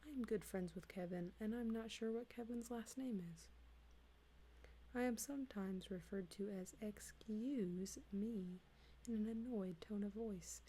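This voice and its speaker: A woman reading humorous texts aloud in a soft, hushed ASMR style, slipping in and out of whispers, close to a desktop mic at home. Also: medium pitch. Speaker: ASMR reader. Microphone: close desktop USB mic.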